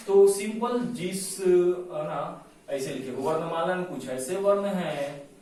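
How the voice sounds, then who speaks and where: A man teaching Hindi grammar in a lecture, forever adding "है ना" and slowing down to dictate notes. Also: sits high, warm tone. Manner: repeats the tag "है ना" constantly, slows to dictate notes. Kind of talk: classroom lecture, explaining and dictating. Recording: very echoey room, from a distance, faint noise.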